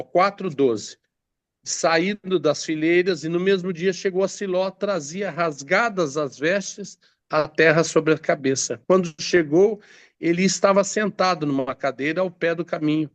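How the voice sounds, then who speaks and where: Halting preacher, fairly high voice. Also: male voice, no echo. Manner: halting, many repeated fillers and restarts. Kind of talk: sermon reading and explaining scripture.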